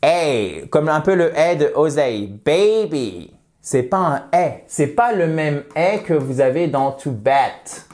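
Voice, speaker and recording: A French-speaking man teaching an English grammar lesson, slowly and emphatically repeating example words with playful asides. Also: fairly high pitch, darkish tone. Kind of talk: lesson explaining grammar and pronunciation.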